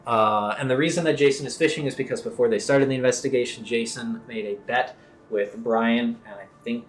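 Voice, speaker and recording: Man, casual podcast chat, rambling, restarts sentences, soft music behind. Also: medium pitch, steady tone, brisk. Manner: rambling, self-correcting, laughs often. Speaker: podcast co-host.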